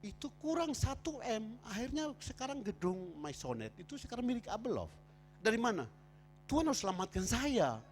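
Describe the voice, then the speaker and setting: A man preaching a sermon in church, moving from quiet storytelling to loud, shouted preaching. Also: high-pitched, big pitch swings, normal speed, slight background noise. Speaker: pastor. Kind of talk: sermon with personal stories.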